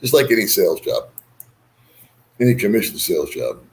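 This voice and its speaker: Low-voiced, brisk and very animated, this man runs a casual livestream where he rambles along, chuckling as he reads viewer comments and tosses back easygoing, bantering replies.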